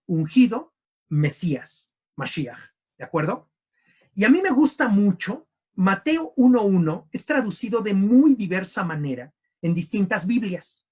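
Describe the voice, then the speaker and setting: In an online lecture, a theology teacher speaks at a medium pitch with a darkish, breathy-edged tone. He repeats and rephrases his points, checking in with listeners again and again through "¿sí?" and "¿no?".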